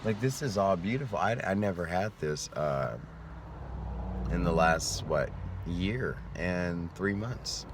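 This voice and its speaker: Male vlogger, low voice, tired and yawning, earnest and rambling; noisy outdoor street recording. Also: lively intonation, takes it slowly. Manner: rambling, earnest, sometimes trailing off. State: sleepy, yawning. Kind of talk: reflective vlog monologue.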